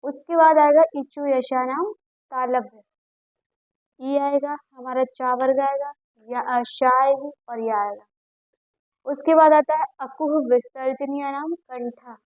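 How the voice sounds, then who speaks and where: A woman's voice: high-pitched, fairly even intonation, takes it slowly, dry recording, lo-fi sound. A woman teacher giving a lesson, patiently repeating sounds aloud for students to copy. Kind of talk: classroom lesson on Hindi phonetics.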